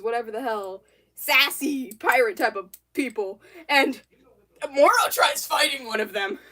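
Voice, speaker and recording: High, lively woman rambling excitedly. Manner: rambling, full of fillers and restarts; excitable, quick to laugh. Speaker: livestreamer. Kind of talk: rambling casual rant.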